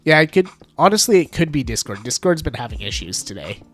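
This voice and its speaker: A man's voice: medium pitch, sing-song, fast, fairly bright tone, soft background music. A man streaming a game live, chatting casually with viewers and laughing often, his voice stuffed up from allergies. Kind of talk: casual live-stream chat while gaming.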